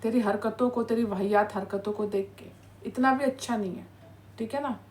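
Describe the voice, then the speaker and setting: A woman's voice: on the high side, steady tone, normal speed, a little mellow. A woman hosting a reaction video, ranting angrily and scolding her target, with frequent "है ना" tags. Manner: scolding, insulting, repeated "है ना" tags. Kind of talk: angry reaction rant.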